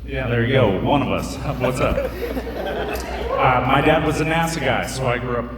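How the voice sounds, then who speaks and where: A man's voice: mid-range voice, moderate pace. Young guy rambling through a funny story on stage, lots of uh and like, roomy hall sound, mic a bit far, crowd in the room. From United States. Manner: casual, joking, chatty with many fillers. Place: stage in a hall with a live audience. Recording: echoey hall picked up from a distance, crowd audible.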